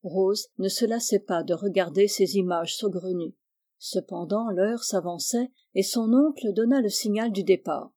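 A woman reading a children's novel aloud, clear and evenly paced in her storybook narration. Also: medium pitch, a little slow, warm tone. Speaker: audiobook reader.

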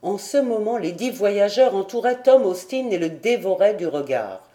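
A woman narrating a classic adventure novel as an audiobook, in a measured, steady reading. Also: mid-range voice. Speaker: audiobook reader.

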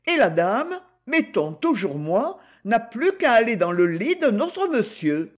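A woman's voice: on the high side, big pitch swings, measured pace, voice pushed up. A woman voicing a sad, stubborn teenage girl. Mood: earnest. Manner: soft, plaintive, hesitant. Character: fifteen-year-old girl, sad and stubborn.

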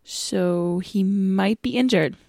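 A woman's voice: mid-range voice, slow pace, gravelly, warm tone, dry recording, clean studio sound. A woman co-hosting a casual talk show, giving brief, matter-of-fact replies and recaps. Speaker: podcast co-host. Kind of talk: casual wrestling chat.

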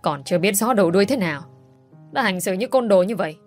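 A woman's voice: medium pitch, expressive, fast, darkish tone, close to an everyday voice. A woman voicing a fussy middle-aged mother-in-law who scolds and exclaims, with faint music behind. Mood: scolding.

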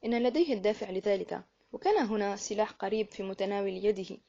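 A woman voicing a shrewd older male detective in an audiobook, reasoning in a measured way. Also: mid-range voice, vocal fry, mellow, muffled recording. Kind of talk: audiobook character reading.

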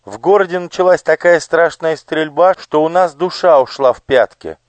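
A man's voice: fairly high pitch, normal speed, dry recording, pitched above the performer's own voice, close to an everyday voice. A man voicing a timid, hungry little girl who pleads and chatters eagerly. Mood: explaining politely.

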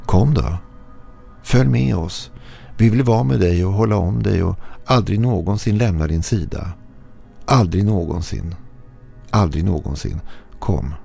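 A man's voice: low voice, vocal fry, long pauses, dark tone, slightly rough, soft background music, full character voice. A man voicing luring ghost family. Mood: coaxing. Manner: coaxing, repetitive. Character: ghostly voices of a dead wife and son, luring.

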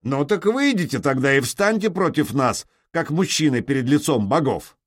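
A man voicing a greedy warlord who yells indignant challenges up at a fort in an audiobook. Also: fairly high pitch, lively intonation, normal speed, voice pushed up. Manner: yelling, indignant, blustering.

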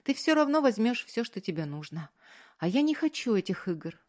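A hurt young woman from a romance audiobook, tearful and defiant, her voice pitched up high and pushed louder as she pleads. A woman reader puts her on. Her delivery sounds strained and urgent. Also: very animated, moderate pace.

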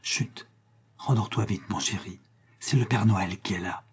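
A man voicing a poor young mother who speaks in a hushed, tense, pleading way. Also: fairly low pitch, animated, fairly quick, breathy edge.

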